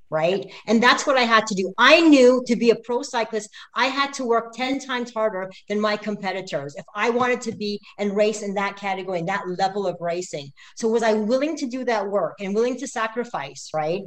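A woman's voice: mid-range voice, a little fast. A woman in her fifties, a pro cyclist interviewed as a guest, talking casually and emphatically and often tagging "right?" onto her sentences. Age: 50s. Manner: energetic, emphatic, keeps adding "right?".

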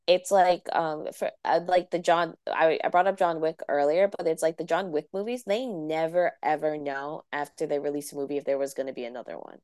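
A woman talks in a lowish voice, casual and animated, full of fillers as she chats with friends. The sound is dry and close, with no room around it. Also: a little fast, few pauses, clean tone, no echo. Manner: animated, filler-heavy, hums melodies. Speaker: podcast co-host. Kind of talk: casual chat.

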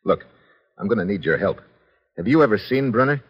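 A man's voice: lowish voice, lively intonation, brisk, slightly rough, long reverb tail. Gritty, wisecracking radio tough guy. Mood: businesslike. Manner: slangy, sardonic, hard-boiled. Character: tough, wisecracking male reporter turned adventurer, cocky and slangy. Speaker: lead actor in a radio serial. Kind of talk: old-time radio adventure acting. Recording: dull, lo-fi old radio recording.

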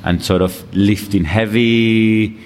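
A Colombian fitness coach, guesting on a casual interview in a gym, speaks English with a Colombian Spanish accent in a lowish, slightly mellow voice. He talks slowly with fairly even intonation, chatting easily and laughing often. The recording has a long reverb and faint background noise.

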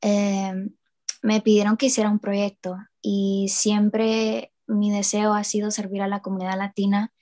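A woman's voice: medium pitch, level tone, a little slow, warm tone. A young woman from New Orleans, a student guest in an interview, talking with hesitant fillers and restarts. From New Orleans, USA. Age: young adult. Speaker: guest, student and project founder. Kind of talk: casual interview.

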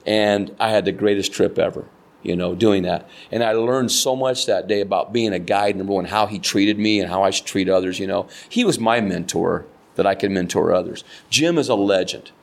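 A man's voice: lowish voice, moderate pace, vocal fry. A middle-aged man from Nebraska, a kayak fishing guide, telling stories in a rambling, earnest way full of fillers and restarts. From Nebraska, United States. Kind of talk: casual storytelling interview.

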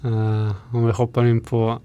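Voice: mid-range voice, monotone, warm tone, slight background noise. An interviewer who asks questions hesitantly and answers with brief affirmations.

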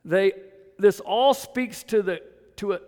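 A man's voice: sits high, takes it slowly, a little mellow. A man in his seventies preaching a sermon as pastor, folksy and chuckling, asking the congregation to answer back. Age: 70s. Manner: folksy, chuckling asides, calls for congregation response. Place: church sanctuary. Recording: long reverb of a church hall.

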